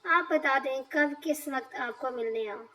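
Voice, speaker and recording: A woman voicing a gentle, shy young female patient who speaks softly and quietly. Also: high voice, measured pace, low-quality recording.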